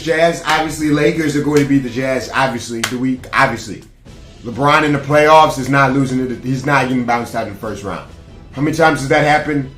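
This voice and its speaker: A man's voice: fairly high pitch, a bit bright, echoey room. A man casually giving sports playoff predictions to camera, brash and rambling, with plenty of trash talk and fillers. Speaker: sports vlogger.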